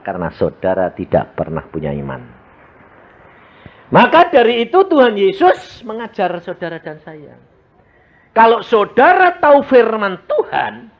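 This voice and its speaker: A man preaching a sermon with a Javanese accent, animated and joking, tossing rhetorical questions at the congregation. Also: a little high, highs cut off. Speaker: evangelist preacher.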